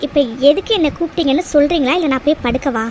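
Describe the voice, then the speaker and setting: A woman's voice: sits high, racing, a little hiss or hum, lightly acted. A woman voicing an angry young bride, giving curt, cold replies in a cartoon.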